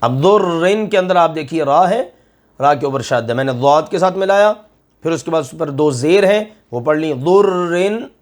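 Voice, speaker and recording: A man's voice: fairly high pitch, lively intonation. A middle-aged man teaching Quran recitation step by step, patiently drawing out each example word.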